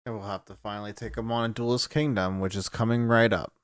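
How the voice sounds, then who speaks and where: A man co-hosting a casual podcast, laughing often and slipping into quick character voices. His voice is smooth and clear, recorded dry and close. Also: lowish voice, steady tone, no echo. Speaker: podcast co-host.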